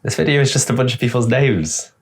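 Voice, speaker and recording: The host is a young man with a mid-range, lively voice who reacts to clips in a casual, sarcastic way, tossing quick remarks back at what he's watching.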